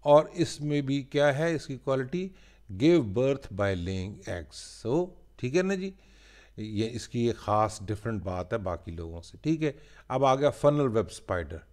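A male teacher with a Pakistani accent walking students through a workbook, explaining in Hindi-Urdu and reading English lines slowly word by word. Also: medium pitch, expressive, darkish tone. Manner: repeats filler "theek hai ji" often. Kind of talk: workbook lesson walkthrough.

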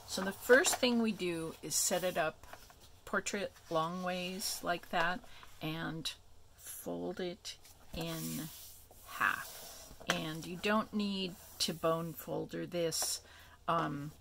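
A woman hosting a craft tutorial, explaining each step in a relaxed, chatty way with many ums and asides. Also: on the low side, a little hiss or hum. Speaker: craft video host.

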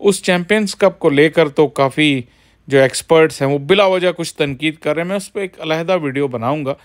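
A man's voice: a little high, fairly quick. A man gives a casual, conversational vlog narration as he films a stadium construction site. He explains things at length and leans on filler phrases. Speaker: cricket vlogger.

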